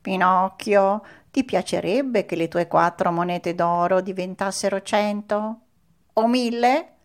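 Coaxing sly cat, woman performing, drawn out and slow. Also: mid-range voice.

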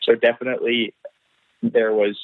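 A man's voice: mid-range voice, level tone, moderate pace, no echo. A man from Canada, a race car driver, talking over the phone in an interview and often repeating words as he thinks. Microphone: phone line. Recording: tinny dry phone line.

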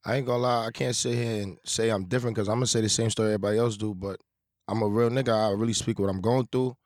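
A man in his twenties talks as an interview guest in rapid, casual slang. He is blunt and tends to repeat his phrases. The recording is dry and close. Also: on the low side, fairly even intonation, darkish tone, no echo. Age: 20s. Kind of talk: casual banter.

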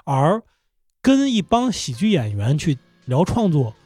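A man talks casually as a podcast guest, his voice a little husky and breathy. His pitch moves a lot as he gets animated. Faint music plays under the conversation. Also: unhurried. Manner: animated, laughs and swears when excited. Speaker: podcast guest, comedy company founder. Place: indoor studio.

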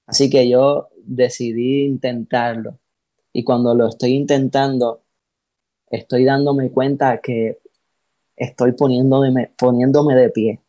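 Dark-voiced man telling a testimony. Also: medium pitch, slow pace, no room sound, rough recording. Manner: animated storytelling, acts out quoted voices, repeats words. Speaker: pastor, interview guest. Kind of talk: emotional personal testimony.

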